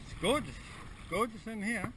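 A man kayaking across a windy harbour films his own trip on an action camera mounted to the kayak, giving a relaxed, matter-of-fact running commentary to himself. His voice is high and moves at normal speed. The audio, caught from a distance, is battered by wind, with wind and splashing water behind him.

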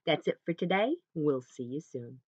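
A woman's voice: deep voice, animated, moderate pace, slightly rough, dry recording. A woman librarian leading a family storytime, speaking in a friendly, encouraging way to parents and children. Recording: dull lo-fi sound, dry.

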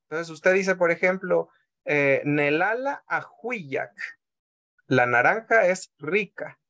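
Over a video call, a Salvadoran-accented man leads a language lesson in a slightly high, somewhat bright voice. He's patient, slowing down to repeat words and pausing to check on the class.

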